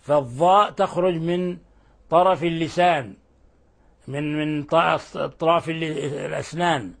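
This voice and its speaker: An older man teaching Quran recitation rules, explaining patiently and reciting verse examples slowly and drawn out. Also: a little high, gravelly. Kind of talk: tajweed lesson with recited examples.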